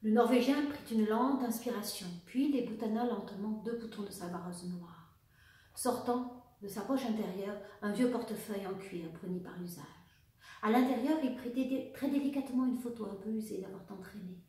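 A woman's voice: medium pitch, normal speed, dark tone. A woman narrating an audiobook of a novel, reading evenly with a few slips and restarts, heard in an echoey room from a distance from the mic.

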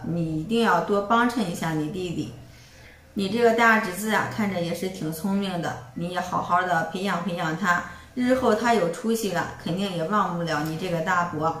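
A woman's voice: on the low side, reverberant, a little hiss or hum, lightly acted. A woman voicing a scheming widowed mother-in-law in her own plain voice, coaxing and nagging.

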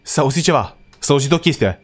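A young man hosting a reaction video, talking casually in slang and yelling in panic at jump scares. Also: medium pitch, lively intonation, faint music behind.

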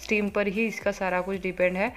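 Fast-talking chatty woman home vlogger. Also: medium pitch, little pitch movement. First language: Marathi. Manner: fast, chatty, many fillers. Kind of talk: casual home vlog, cooking and chores.

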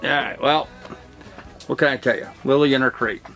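A middle-aged real estate broker talks casually to the camera from a cluttered home office in a talking-head vlog, rambling with lots of fillers and restarts. His mid-range voice is a bit bright, at a moderate pace, over soft background music.

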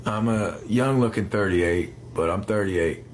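Brief: man, late thirties, lowish voice, rambling live-chat delivery, phone close up, faint hiss. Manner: halting, repeats himself, talks straight to viewers. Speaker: livestreamer answering viewers. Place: small room indoors. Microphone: phone held close.

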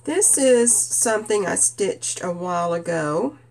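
A woman from Kentucky with a cold and a nasal voice, chatting gently about her stitching projects with many "uh" fillers. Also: medium pitch, expressive. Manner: gentle, unhurried, frequent "uh" fillers. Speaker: stitching vlogger. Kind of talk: casual show-and-tell chat.

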